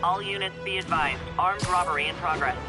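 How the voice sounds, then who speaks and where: A man's voice: sits high, a little fast. A man voicing a male police dispatcher heard over a police radio, making clipped, formal dispatch calls. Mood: businesslike. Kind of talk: video game radio chatter. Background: loud game music.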